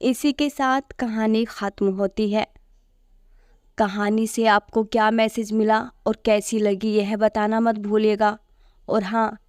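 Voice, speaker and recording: A woman calmly reading a short story aloud to her channel's listeners. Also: on the high side, clear, resonant tone, dry recording, studio quality.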